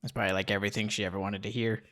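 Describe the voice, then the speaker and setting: A man's voice: fairly low pitch, flat delivery, rapid-fire, fairly bright tone. A man giving casual, informal and sweary reaction commentary while watching an anime film. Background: faint music from the film.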